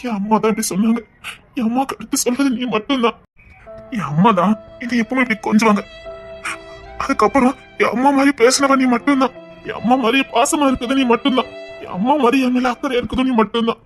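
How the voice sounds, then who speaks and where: A woman with a Tirunelveli accent playing a rough young man who talks tenderly and earnestly to his lover. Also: a little high, fast talker, pauses often, soft background music, close to an everyday voice. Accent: Tirunelveli Tamil. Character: young man Vicky, rough rowdy with a soft heart. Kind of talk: web series drama.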